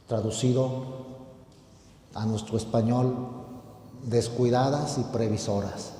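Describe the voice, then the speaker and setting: Solemn priest in cathedral echo. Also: male voice, medium pitch, warm tone. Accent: Latin American Spanish. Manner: solemn, measured. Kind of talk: liturgical gospel proclamation and homily. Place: large reverberant church. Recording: cathedral echo, long church reverb.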